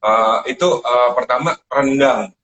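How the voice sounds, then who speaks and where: A man's voice: medium pitch, a little slow, low-quality recording. Man animatedly telling kitchen stories. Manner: animated, acts out quoted voices while telling stories. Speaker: guest chef. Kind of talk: casual storytelling in a live chat.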